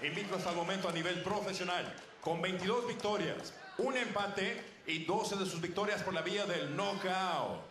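High-pitched lucha libre-style ring announcer man. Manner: lucha libre-style announcer with grand, drawn-out shouted names. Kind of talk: bilingual boxing ring announcing. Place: boxing ring in a large arena. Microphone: handheld microphone. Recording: echoey, noisy arena public address.

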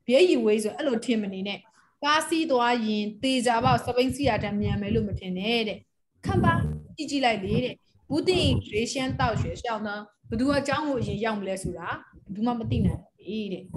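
A woman's voice: on the high side, normal speed, over a noisy crowd, poor audio. A woman teaching a Chinese class, explaining phrases and calling on students to read. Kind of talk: classroom instruction.

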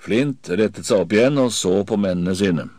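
A man's voice: lowish voice, expressive, a little mellow, dry recording, clean studio sound. A man narrating an audiobook in the first person with a vivid, dramatic reading.

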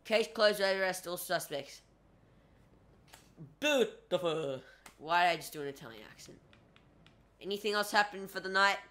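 A young man giving casual, excitable gameplay commentary as a YouTuber, talking to himself and swearing at the game. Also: high voice, fairly quick. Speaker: gaming YouTuber.

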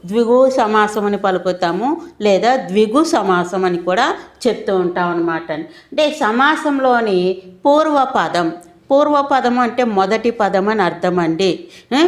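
A middle-aged woman with a Telugu accent teaching a grammar lesson, who asks questions and answers them herself while repeating the key terms. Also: mid-range voice.

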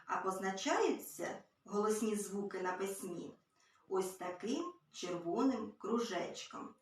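A woman teaching a literacy lesson to small children, gently and patiently. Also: medium pitch, lively intonation, slow pace. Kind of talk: early-years literacy lesson. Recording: very echoey room, far from mic.

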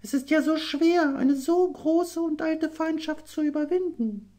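Storybook mermaid princess, tearful and gentle, very high but mellow voice, slow soft phrasing. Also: male voice. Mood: sorrowful. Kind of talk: audiobook character voice.

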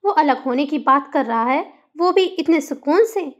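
A woman's voice: high-pitched, moderate pace, highs cut off, lightly acted. A woman voicing a young mother who talks in a pleading, insistent, upset way. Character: young mother, fiery and demanding.

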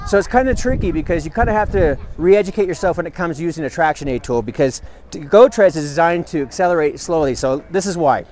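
He talks fast in a fairly high, animated, somewhat mellow voice: a product representative in his thirties giving an outdoor expo booth demonstration. The hands-on pitch is enthusiastic and full of explanation, caught by a camera mic a few feet from him.

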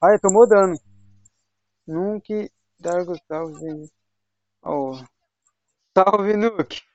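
A man's voice: sits high, very slow, no echo. Young man from Brazil, livestreaming games, chatty and full of slang, dry lo-fi home mic. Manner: slangy, chatty, talks to voice chat while playing. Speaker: gaming livestreamer. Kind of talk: casual live gaming chat. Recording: dull, lo-fi home stream mic.

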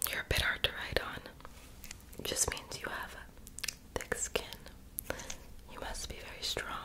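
A young woman doing a whispered role-play in a breathy, unvoiced ASMR whisper with tingly mouth sounds. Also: slow pace, pauses often. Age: young adult. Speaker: ASMR performer playing a friend doing homework and makeup on the listener. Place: small bedroom, indoors.

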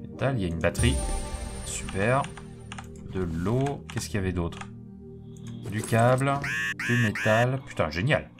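A man's voice: lowish voice, lively intonation, a little slow, long pauses. A man hosting a let's play, chatting casually and jokingly as he thinks aloud through the game. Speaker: gaming video host. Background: game music.

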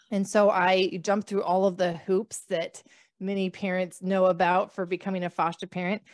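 Speaking into a podcast mic from a small room at home, a thirtyish woman physician from the northern United States, close to Canada, shares her story over a video call with many fillers. Her pitch is medium, and the sound is studio quality with no room tone.

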